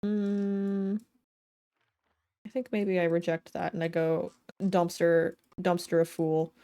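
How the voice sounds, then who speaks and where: A woman livestreamer chats casually while gaming, with game music playing behind her voice. Her voice is fairly low, mellow and level, and she speaks slowly. She thinks aloud in a playful, rambling way, tossing in silly slang.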